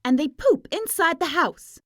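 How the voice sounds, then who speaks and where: A woman voicing a fussy, proper dog mother with a prim, slightly shrill manner. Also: lively intonation, a little slow, fairly bright tone, no echo, clean studio sound, exaggerated voice.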